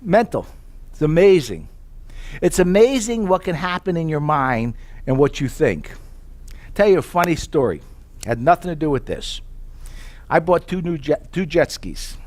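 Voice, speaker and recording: A man pitches tableware to a live audience in a slightly raised voice. He spins chatty personal stories, quotes his own past thoughts in little asides, and keeps checking in with his listeners. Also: very animated, normal speed, long pauses, darkish tone. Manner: chatty storytelling with rhetorical questions. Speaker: sales presenter.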